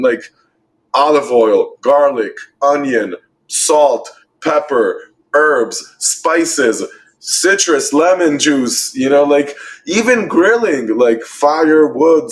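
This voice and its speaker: A vegan chef in his thirties, with roots in Israel and New York, talks on a casual podcast, emphatic and heavy on the swearing as he rattles off lists. His voice is animated and fairly high. The recording quality is rough.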